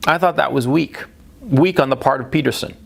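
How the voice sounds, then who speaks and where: A man's voice: medium pitch, brisk, gravelly. A man who grew up in Chile and the United States, giving a blunt, emphatic opinion monologue, often restarting and tagging his points with "right?". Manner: emphatic, blunt, repeats for stress; speech full of restarts and tag questions. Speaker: political commentator.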